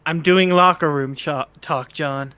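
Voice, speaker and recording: Man playing bright, snarky teenage bird-boy sprite. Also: a little high, fairly even intonation, measured pace, clean tone, no echo. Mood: exasperated teasing. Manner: casual slangy rambling, stammering. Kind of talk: amateur fan fiction read-aloud, character dialogue.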